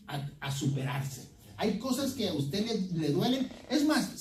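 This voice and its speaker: Animated preaching pastor in an echoey hall. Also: male voice, sits high. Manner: animated preaching with repeated stammered restarts; asks the congregation questions and has them repeat phrases. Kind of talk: sermon. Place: church hall. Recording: roomy echo, speaker far from the mic, faint background noise.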